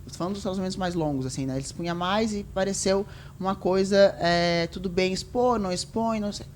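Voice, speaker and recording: A woman's voice: medium pitch, quick pace, slight background noise. A woman, a podcast guest chatting casually and acting out what she and others said. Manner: animated storytelling, quotes herself and others.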